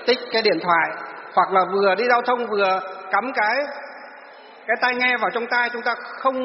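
Brief: man, a teacher lecturing a class, high voice, long hall reverb. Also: slight background noise. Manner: asks students rhetorical questions and answers them. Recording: echoey hall, dull lo-fi.

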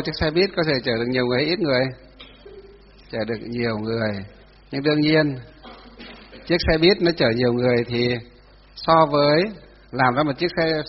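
Male Buddhist teacher, husky, dictates and repeats phrases for notes, quizzes students; muffled lo-fi take. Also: mid-range voice. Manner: dictates slowly, repeating each phrase for note-taking; asks students rhetorical questions. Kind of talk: dictated classroom lesson. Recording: dull lo-fi sound with long hall reverb.

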